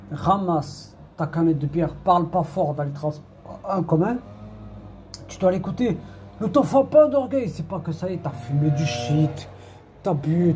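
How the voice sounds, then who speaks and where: Man, mid-range and mellow, casual preacher: rambling, repetitive, streetwise scolding, Arabic phrases, faint music under. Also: sits high. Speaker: preacher giving an online religious reminder. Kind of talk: informal spoken religious reminder.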